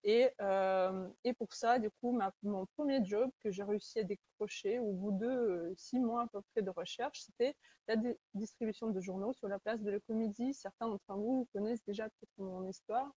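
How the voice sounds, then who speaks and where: A woman from Kazakhstan, a Salesforce consultant, hosts a webinar presentation in an earnest, conversational manner, frequently searching for words. Her mid-range voice moves at normal speed with a dark, breathy tone, and the recording is dry and rough.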